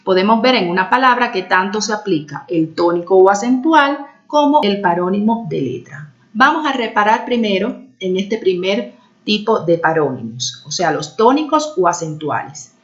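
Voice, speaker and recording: A woman teacher walks through a recorded lesson in an explanatory tone. She often pauses to check that her students follow and slows down on key words. The audio is a little dull and lo-fi. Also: mid-range voice, lively intonation. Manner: stretches out key words when stressing them. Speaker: primary school teacher.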